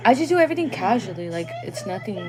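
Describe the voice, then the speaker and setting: Quick and very animated, a young woman from a Guatemalan family chats on a phone livestream in a fairly high voice. She laughs a lot and occasionally stumbles, English not being her native tongue.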